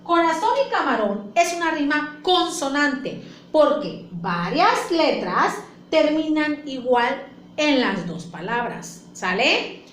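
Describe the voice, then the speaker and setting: A woman's voice: high-pitched, lively intonation, takes it slowly. A woman teacher explaining a lesson to her class patiently, repeating points and asking questions. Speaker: primary school teacher. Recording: echoey room with faint ambience.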